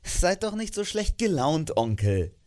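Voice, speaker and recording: A man's voice: fairly high pitch, very animated, unhurried, a little mellow, pitched above the performer's own voice. A man reading an audiobook, voicing a cheerful, earnest young nephew who pleads with feeling. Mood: earnest pleading. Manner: pleading and heartfelt.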